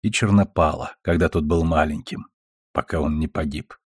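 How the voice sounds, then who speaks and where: Male audiobook narrator, very deep voice, calm, measured, dry close sound. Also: husky, dry recording.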